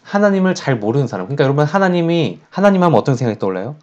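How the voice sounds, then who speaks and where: A man preaching a children's sermon as a pastor, speaking in an animated way and acting out the voices of the people in his stories. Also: on the high side, racing, lo-fi sound. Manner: animated, acts out voices of sinners and God in quotes.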